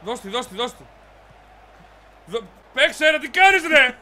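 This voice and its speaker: Brief: young male gamer, very high and bright voice, lively, shouty, faint background hiss. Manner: yells instructions, frustrated and rapid. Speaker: gamer playing a football video game with friends. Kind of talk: heated gaming banter, shouting and swearing.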